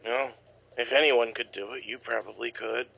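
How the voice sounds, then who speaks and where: A man's voice: medium pitch, fairly even intonation, normal speed, vocal fry, slight background noise. A man playing a tabletop role-playing game, easygoing and chatting casually with friends. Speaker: player. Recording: dull, lo-fi home recording.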